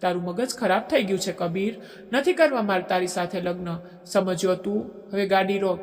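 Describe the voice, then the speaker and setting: A man's voice: sits high, fairly even intonation, normal speed, creaky. A man voicing a frightened but defiant young woman in a storybook drama, pleading and raising his voice. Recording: echoey long reverb.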